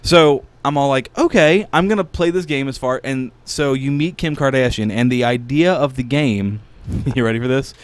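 Close to a studio microphone, with headphones on in a small indoor podcast studio, this male co-host spins a rambling, wry, comedic story casually. He speaks at a moderate pace in a mid-range voice.

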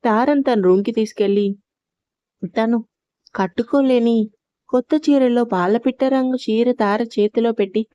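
A woman storyteller giving scripted narration of an audio love story, reading in a steady, gentle way. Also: fairly high pitch, normal speed, smooth, no echo, clean studio sound.

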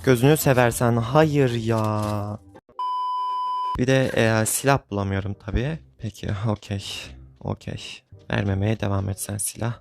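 A man's voice: fairly low pitch, unhurried, vocal fry, over music. Exasperated young man narrating his game. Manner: exasperated, grumbling, venting at the game. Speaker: gaming YouTuber. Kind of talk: frustrated live game commentary.

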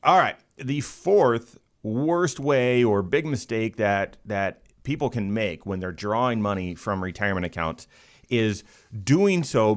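A man hosting a casual financial talk show in a studio, chatty and upbeat, lifting his energy at segment ends. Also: lowish voice. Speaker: host. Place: radio studio.

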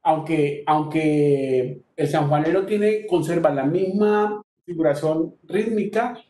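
High-voiced man counting beats in a lesson. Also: slow pace, mellow, a little hiss or hum. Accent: Colombian Spanish. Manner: counts beats aloud and chants strumming patterns. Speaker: music teacher. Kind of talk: online workshop lesson on tiple rhythms. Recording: echoey room with guitar.

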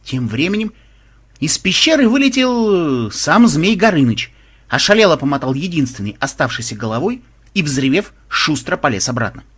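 A man narrating an audiobook with expressive storytelling. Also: a little high, normal speed, husky.

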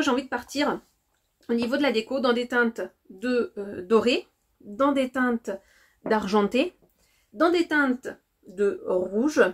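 A woman from France chatting casually to camera about her haul, often hesitating with fillers and repeating words. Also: fairly high pitch. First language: French. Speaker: vlogger presenting a shopping haul.

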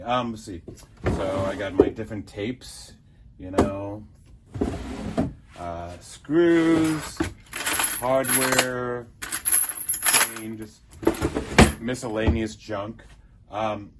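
A middle-aged man with a fairly low voice gives a casual, rambling show-and-tell tour of his prop box in a theater prop shop. He lists tools with plenty of ums and uhs, and the recording is very noisy.

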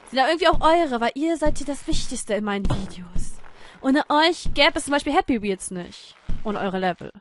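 A woman commentating a video game, excitable and playful, reading level texts aloud in silly voices. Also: medium pitch, slight background noise. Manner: excitable, playful, shouts and squeals. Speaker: gaming YouTuber. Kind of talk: let's play commentary.

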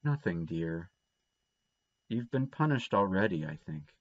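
A man voicing a gentle, patient young woman in a storybook, tenderly questioning and soothing a child. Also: medium pitch, huge pitch swings, moderate pace, husky, highs cut off. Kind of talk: storybook character reading.

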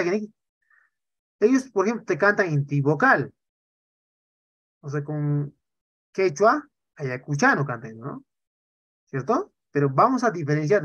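A man teaching a live online Quechua class. He talks in an animated way and keeps checking in with "¿ya?" and "¿no?". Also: a little high, no echo. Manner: animated, tags sentences with "¿ya?" and "¿no?". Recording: dull lo-fi online class audio.

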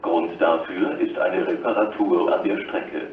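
A low-voiced man gives a flat platform announcement. His delivery is formal, segmented and slow. The sound comes a distant station loudspeaker, echoey and clearly noisy. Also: narrow, tinny audio.

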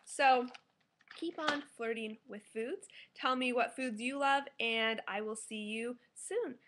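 A woman's voice: a little high, takes it slowly, fairly bright tone. A woman in her thirties giving a casual, enthusiastic food review to camera at home as a food blogger. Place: small living room at home, indoors.

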